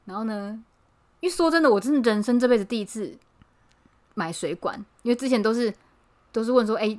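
A woman's voice: on the high side, lively intonation, brisk. A woman chatting casually as a co-host, telling a story with animation and frequent laughter. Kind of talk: casual chat.

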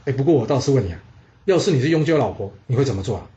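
A man's voice: mid-range voice, expressive, very fast, mellow, lo-fi sound, close to an everyday voice. A man voicing a scheming male court official in a storytelling recording, scoffing and secretive.

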